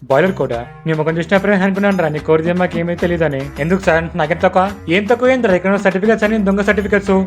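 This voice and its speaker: Guy doing comedy skits, high voice, talks super fast, faint music behind. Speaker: comedy sketch creator playing all parts. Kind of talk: comedy sketch acting.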